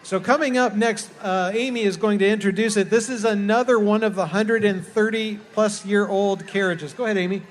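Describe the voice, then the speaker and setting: A man with a strikingly high voice hosts a live parade. He addresses the crowd in a folksy announcing style. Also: fairly even intonation, a little fast, hardly any pauses. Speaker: parade announcer, master of ceremonies.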